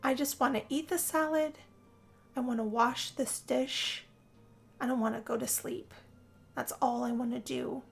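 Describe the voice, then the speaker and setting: Music sits beneath the voice of a woman who tells a first-person role-play story as a weary, smitten young heroine. Her voice is high and steady, her pace measured, and her delivery theatrical with breathy sighs.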